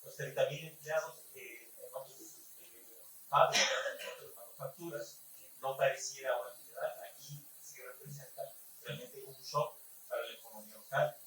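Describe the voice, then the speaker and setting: A man with a Mexican accent giving a formal, measured comment from the audience at a conference. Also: mid-range voice, steady tone, bright, forceful tone. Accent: Mexican Spanish. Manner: formal, measured academic reasoning. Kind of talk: conference question-and-answer comment. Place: conference hall. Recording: very echoey hall, voice far from the mic, faint room noise.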